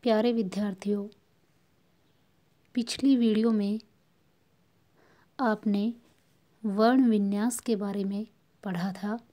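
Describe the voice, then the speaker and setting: A woman's voice: medium pitch, fairly even intonation, takes it slowly, long pauses, warm tone. A woman teacher giving a patient lesson to children, drilling sounds by repeating syllables again and again. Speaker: school teacher.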